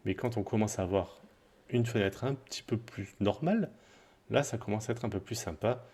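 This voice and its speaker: A man explaining a coding tutorial in a relaxed, chatty way, with small asides and self-corrections. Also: lowish voice, moderate pace, slightly rough. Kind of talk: screen-recorded coding tutorial.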